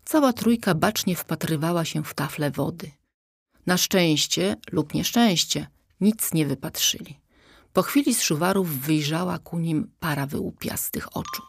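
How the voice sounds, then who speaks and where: A woman reading a children's story aloud with calm, even narration. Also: low voice, unhurried, creaky, slightly rough, no echo. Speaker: audiobook reader.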